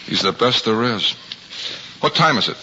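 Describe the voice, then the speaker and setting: A male actor gives us an excitable young ballplayer with slangy, eager delivery and very lively pitch. It is old radio drama acting. The recording is muffled, with loud noise behind it. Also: normal speed, lightly acted. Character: earnest, excitable young ballplayer telling his own story. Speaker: protagonist and narrator. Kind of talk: mid-century radio drama acting and narration.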